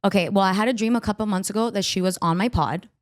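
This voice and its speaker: A woman's voice: medium pitch, fast talker. A woman podcast host talks with a Miami accent. Her style is casual and slangy, gushing in an easy conversational flow. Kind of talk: casual chat.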